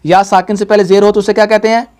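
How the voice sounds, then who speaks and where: A man's voice: high voice, flat delivery, fast talker, darkish tone, clean tone. Male tajweed teacher, patient call-and-repeat drills, stretched sing-song letter sounds, often checks in with viewers. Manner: keeps saying "all right" and addressing viewers. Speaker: Quran reading teacher.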